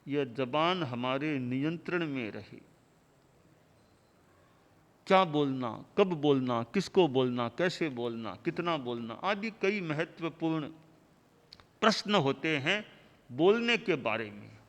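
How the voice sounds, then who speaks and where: A man delivering a sermon as a spiritual teacher, in measured, rhythmic lists of short phrases. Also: on the high side, expressive. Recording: long hall reverb.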